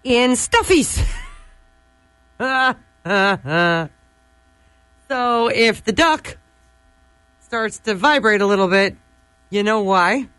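A woman's voice: mid-range voice, expressive, drawn-out words, pauses often, fairly bright tone, clear, resonant tone, no echo. A woman co-hosting a radio morning show, telling stories and giggling easily. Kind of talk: radio banter and story telling.

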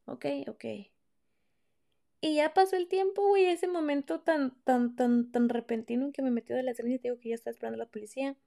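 A woman's voice: sits high, fairly quick, creaky, warm tone. A young woman with a Mexican accent hosting a podcast, telling a personal story in candid, slangy, profane casual chat. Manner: candid, slangy and profane, acts out quoted lines. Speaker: podcast host.

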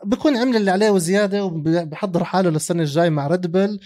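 A man with a Levantine Arabic accent talks sports in a casual co-host style. His voice sits a little high and he speaks extremely quickly, slipping English terms into his sentences. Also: darkish tone. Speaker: motorsport podcast co-host.

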